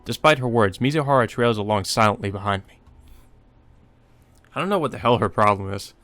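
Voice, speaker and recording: In a dry recording with game music in the background, a man reads a visual novel aloud for a playthrough. His voice sits on the low side with a fairly bright tone, lively intonation, and a brisk pace, and he occasionally stumbles and rereads.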